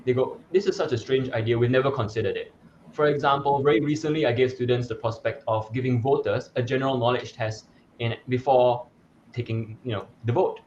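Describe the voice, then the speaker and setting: A young man from Sarawak, Malaysia, who coaches debate, answers interview questions in a brisk, steady, darkish voice of medium pitch, explaining articulately despite some fillers and restarts. The recording is muffled, with slight hiss or hum.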